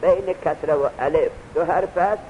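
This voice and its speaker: A man with a slightly high-pitched voice gives a grammar lecture. He goes over each point again, puts questions to his students and tells them to write things down. A faint rumbling noise sits behind him. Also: a little mellow, highs cut off. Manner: repeats points and quizzes the students; urges students to take notes. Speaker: teacher of Arabic grammar. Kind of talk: classroom lecture.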